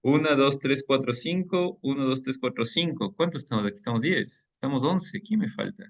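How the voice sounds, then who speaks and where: A man leads a book club over a video call, speaking at an ordinary middle pitch. He is friendly and chatty, laughs lightly now and then, and explains things at length. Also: animated, moderate pace. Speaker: reading club moderator. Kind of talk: casual online meeting.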